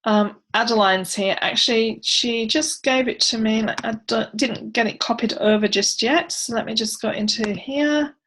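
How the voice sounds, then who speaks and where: A woman's voice: on the high side, moderate pace, hardly any pauses, a bit bright, poor audio. A woman teaching book marketing on an online video call, chatty, with many fillers and frequent laughs. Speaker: book launch coach.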